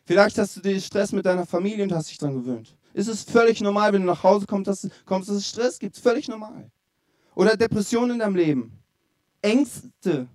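A young man preaching a sermon in a lively, conversational storytelling way, asking his listeners direct questions. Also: high voice, brisk.

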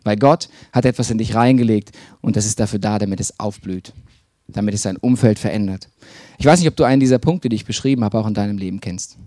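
A man's voice: fairly low pitch, quick pace, warm tone, no echo, clean studio sound. A man preaching a sermon in a personal, confessional way, often restarting his sentences and using fillers.

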